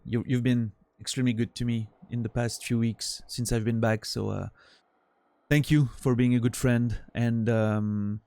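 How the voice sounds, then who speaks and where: Medium in pitch and darkish in tone, this voice comes through a dry recording. The speaker, a Swiss French-accented man of about forty from French-speaking Switzerland, chats casually with his stream, rambling, putting himself down and trailing off with fillers.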